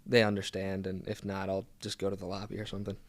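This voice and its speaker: A man's voice: sits low, completely flat delivery, fast talker. A young man from Philadelphia, a podcast guest chatting casually with lots of "um"s and restarts. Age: young adult. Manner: easygoing, many "um"s and restarts. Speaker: guest, pro soccer player.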